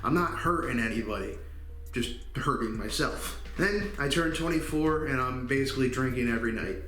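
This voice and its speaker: A man in his twenties talking candidly in a personal vlog, halting often with fillers. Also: medium pitch, animated, fairly bright tone. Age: 20s. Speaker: channel host. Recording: echoey room.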